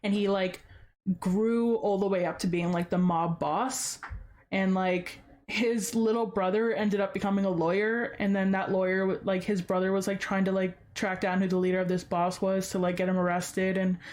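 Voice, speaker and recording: A woman's voice: mid-range voice, level tone, normal speed, a little mellow. Chatty woman hosting a podcast. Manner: chatty, heavy use of "like" fillers. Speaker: podcast host. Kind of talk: casual true-crime podcast chat.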